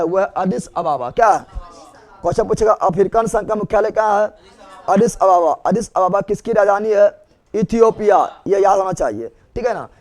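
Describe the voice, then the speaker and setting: A high-pitched male teacher runs a classroom lesson, firing a question at the class and then giving the answer himself. He hammers each fact home by saying it again and again in a call-and-response rhythm. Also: darkish tone. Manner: drills facts by repeated question and answer.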